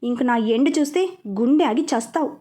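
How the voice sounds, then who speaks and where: A blunt, sharp-witted young gang leader, as a woman puts him on in an audio storybook. He talks in short, dry, clipped statements. The voice sits high and sounds mellow and soft-edged. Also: moderate pace. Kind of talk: storybook character reading.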